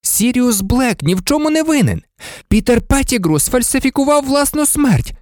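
A reader voicing a desperate, indignant teenage boy wizard in a storybook, in a high, urgent voice. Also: big pitch swings, moderate pace, no room sound, studio quality. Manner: urgent, pleading, shouting. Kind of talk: audiobook reading.

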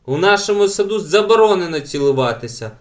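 A man voicing an upset, tearful and bossy little girl in a shrill, sobbing voice. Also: sing-song, takes it slowly, dark tone, far from the mic, full character voice. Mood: shouting.

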